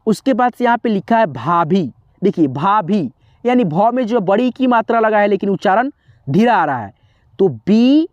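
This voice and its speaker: A man's voice: sits high, no room sound, lo-fi sound. A male teacher giving a spelling lesson, patiently spelling words out letter by letter and repeating each word.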